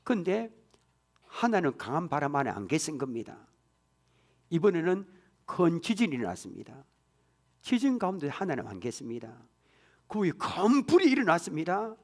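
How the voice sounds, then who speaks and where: A pastor preaching a sermon in a church, swinging from hushed whispers to loud exclamations. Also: male voice, a little high, very animated, moderate pace, long pauses.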